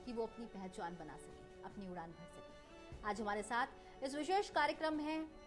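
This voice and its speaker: Brief: woman TV interviewer, formal anchor delivery, fairly high pitch. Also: moderate pace, music in the background. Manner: warm formal anchoring, mixing in English phrases. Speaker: TV host.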